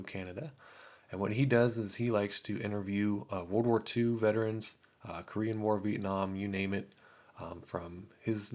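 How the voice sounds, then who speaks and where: A young man hosting a casual hobby vlog, reading veterans' letters aloud and talking with many fillers and pauses. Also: fairly low pitch. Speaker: autograph collector vlogger.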